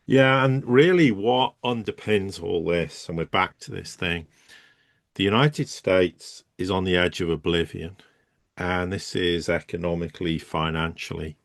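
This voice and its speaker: A man's voice: low voice, measured pace, creaky, no echo, studio quality. A man, co-hosting and giving emphatic, rambling geopolitical commentary. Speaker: co-host.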